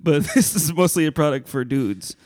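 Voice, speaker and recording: Giggly guy on a comedy podcast, slightly high voice, just riffing. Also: moderate pace, a little mellow. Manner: giggly, laughs through his lines. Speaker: podcast co-host.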